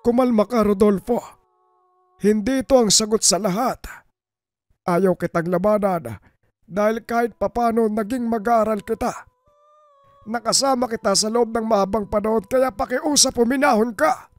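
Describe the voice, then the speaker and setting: A man voicing a gentle old village man who speaks in a measured, pleading way. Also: fairly high pitch, no echo, pitched above the performer's own voice, close to an everyday voice. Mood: calm pleading.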